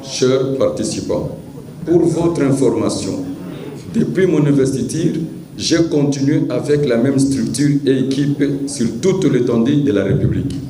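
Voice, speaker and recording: A man's voice: medium pitch, animated, a little slow, mellow, echoey room, rough recording. A man giving a formal speech to meeting participants. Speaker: church leader addressing a meeting.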